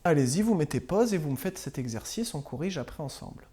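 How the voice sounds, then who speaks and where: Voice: medium pitch, animated, fast, mellow. A primary school teacher giving a recorded lesson to pupils at home, patiently spelling words out letter by letter and often checking that they follow.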